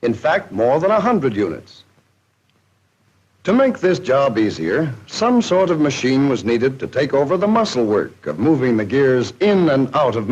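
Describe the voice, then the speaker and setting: An American man with a medium-pitched, slightly rough voice narrates a scripted 1940s promotional film like a jocular, folksy showman. The soundtrack is dull and band-limited, typical of a 1940s film.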